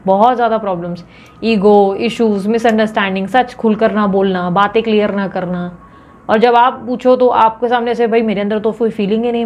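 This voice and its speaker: A woman reading tarot for her viewers in a chatty, teasing way, often acting out quoted lines. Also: on the high side. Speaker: tarot reader.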